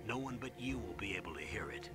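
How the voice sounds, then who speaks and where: Man playing stern military commander over loud music. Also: lowish voice, lively intonation, lightly acted. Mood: instructive. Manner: authoritative, measured briefing. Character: stern older male military commander giving orders. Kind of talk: video game voice acting. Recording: loud music behind game dialogue.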